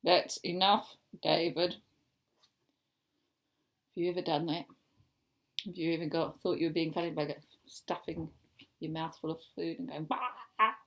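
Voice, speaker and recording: A woman who teaches ESOL reads a picture book aloud and asks her students warm questions about the pictures. Her voice sits low with a flat delivery at a moderate pace, and she pauses often.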